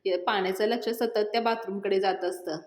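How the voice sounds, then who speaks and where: A woman retelling a TV serial episode, acting out each character's lines in a lively storyteller manner. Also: mid-range voice, brisk, reverberant.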